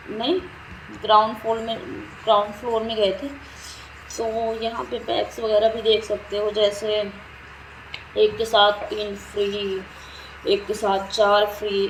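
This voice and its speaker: A middle-aged woman talks her way through a casual vlog in an even, level tone that barely rises or falls. She rambles and circles back over her own words, with faint noise behind her. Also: medium pitch, low-quality recording. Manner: rambling, repeats herself while narrating a shopping trip. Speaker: vlogger.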